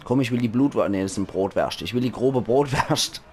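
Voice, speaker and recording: A hoarse man with a Palatinate German accent, chatting enthusiastically as he comments on a video game. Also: mid-range voice, fairly quick, darkish tone. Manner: chatty, enthusiastic, laughs often. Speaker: let's play host. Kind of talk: casual gaming commentary.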